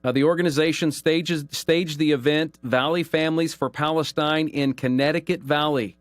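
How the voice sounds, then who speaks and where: A man hosting a call-in radio show, giving commentary and reading news headlines aloud in an earnest, emphatic way, slowing down to stress key phrases. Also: fairly high pitch, fairly even intonation, no echo.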